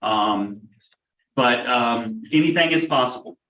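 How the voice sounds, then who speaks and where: A man's voice: medium pitch, pushed and bright. Man explaining technology plans from far off in a roomy hall. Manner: measured, explanatory, many "um" pauses. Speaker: district technology official. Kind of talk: answering questions at a public board meeting. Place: meeting room.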